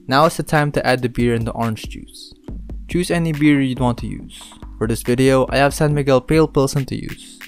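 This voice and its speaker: In a voice-over for his cooking channel, a Filipino man at medium pitch walks viewers through each step in a relaxed way, with dry humor.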